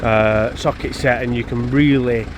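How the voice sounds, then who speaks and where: A man's voice: medium pitch, steady tone, unhurried. A man chatting casually to camera for a vlog, outdoors on a canal boat. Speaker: narrowboat vlogger. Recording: idling engine noise, outdoors.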